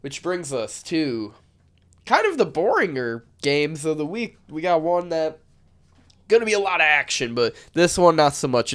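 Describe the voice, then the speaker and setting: A man's voice: on the high side, fairly bright tone, clear, resonant tone. A man co-hosting a casual sports betting podcast, talking in a laid-back, blunt way while sick and losing his voice. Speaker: podcast co-host.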